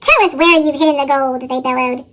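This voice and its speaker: High chipmunk-effect storybook narrator. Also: steady tone, a little fast, sharp tone. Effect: sped-up, pitched-up chipmunk voice. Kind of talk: storybook read-aloud narration.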